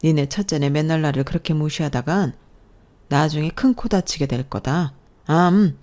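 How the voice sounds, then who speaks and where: A woman's voice: low voice, moderate pace, darkish tone, close to an everyday voice. A woman voicing a stern older mother-in-law in a storybook narration, with a firm, scolding manner.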